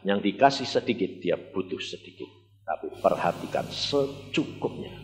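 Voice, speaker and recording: Seorang pria, pengkhotbah beraksen Jawa, bercerita dengan dramatis, kadang berteriak kadang berbisik. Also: male voice, deep voice, lively intonation, normal speed. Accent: Javanese. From Indonesia. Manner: dramatic storytelling, swings from loud shouts to hushed near-whispers; mixes in Javanese phrases, acts out quotes. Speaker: evangelist preacher. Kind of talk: sermon. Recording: echoey hall recording with faint music.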